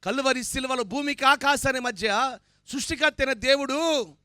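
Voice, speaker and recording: Man, preacher, sermon, fervent, emphatic, bright tone. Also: very high voice, normal speed, clear, resonant tone, no room sound, clean studio sound. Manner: fervent, emphatic preaching that swells to loud declarations; asks the congregation for responses.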